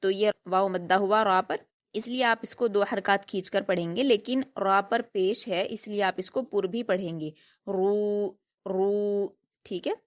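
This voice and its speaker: A woman teaches recitation rules to her students at an even middle pitch. She explains patiently, one step at a time, and slows down to drill each sound. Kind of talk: tajweed lesson.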